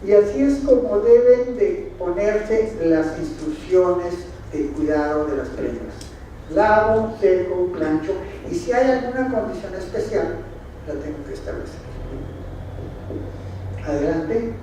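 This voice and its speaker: Taking it slowly, a conference speaker with a Mexican Spanish accent presents his slides in a lecture hall, his high, dark-toned voice full of lively intonation. He tosses questions at the audience along with dry, ironic asides, and the recording is very echoey, distant, and faintly noisy.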